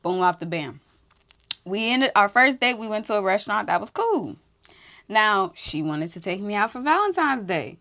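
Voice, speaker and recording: A young woman from Houston hosting a podcast, telling a casual story in an animated, slangy, profane way with frequent laughs. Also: mid-range voice, normal speed. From Houston, Texas. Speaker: podcast host.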